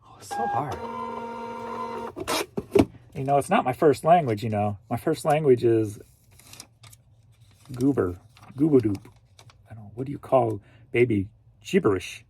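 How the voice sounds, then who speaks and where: An online reseller from St. Louis, Missouri, in his forties, keeps up a goofy, joking chat with himself as he packs orders. His mid-range voice is animated yet unhurried, mellow and husky, and he pauses often.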